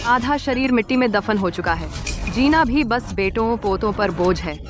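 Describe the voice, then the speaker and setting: An actress dubbing a rude, spiteful young wife who insults and sneers. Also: female voice, on the high side, lively intonation, moderate pace, lightly acted. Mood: sneering. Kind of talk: Hindi drama dubbing. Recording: dialogue over music.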